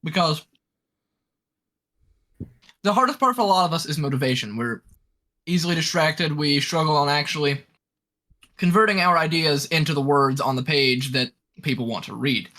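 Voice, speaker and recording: A man with a fairly high, bright and forceful voice, talking casually on a voice call. He explains things bluntly and with emphasis, pushing his points with energy. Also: normal speed, long pauses. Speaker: writing advice speaker.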